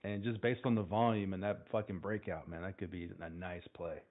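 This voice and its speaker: Lowish guy on a tinny call, casual, cussing about the market. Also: fairly even intonation, a little fast. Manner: swears casually, talks market moves. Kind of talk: casual trading chat.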